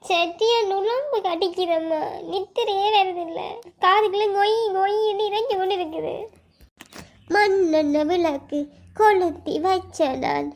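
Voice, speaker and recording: A woman doing a slow, weary old grandmother. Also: very high-pitched, darkish tone. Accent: Sri Lankan Tamil.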